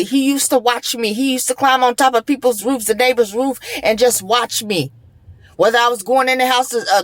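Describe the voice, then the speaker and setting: Woman, young adult, slightly high voice, dry close sound, earnest preacher-like testimony vlog. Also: no room sound. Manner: emphatic, repetitive, preacher-like urgency. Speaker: vlogger sharing a personal testimony. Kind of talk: emotional spoken testimony with prayer.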